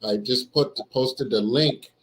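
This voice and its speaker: A man's voice: medium pitch, takes it slowly, noisy background. A man hosting a livestream interview over a video call, asking rambling questions padded with fillers and affirming his guest. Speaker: livestream host.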